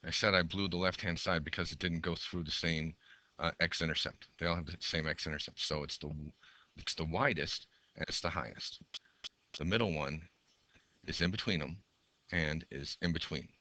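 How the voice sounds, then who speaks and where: A male math teacher who is losing his voice talks through graph sketches step by step, explaining each stage as he draws and counting aloud. His voice is deep, pushed and bright, at a normal speed.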